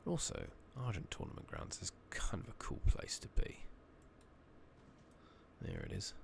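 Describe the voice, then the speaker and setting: Background noise accompanies this soft ASMR game commentary from a gaming channel host. He speaks slowly in a very deep, creaky voice full of vocal fry, musing to himself. His quiet murmurs move up and down lively and at times fade almost to a whisper.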